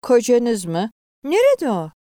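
A woman voicing a rude, mocking male omnibus conductor who shouts and sneers at a passenger. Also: fairly high pitch, wildly swooping pitch, slow, dry recording, studio quality, pitched above the performer's own voice, heavily acted.

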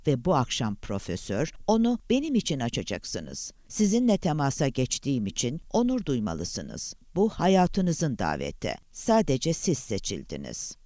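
A man's voice: medium pitch, unhurried, few pauses, no echo, clean studio sound. A man reading as a smug, menacing kidnapper. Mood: taunting. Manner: calm, taunting, formal. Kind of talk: audiobook character voice.

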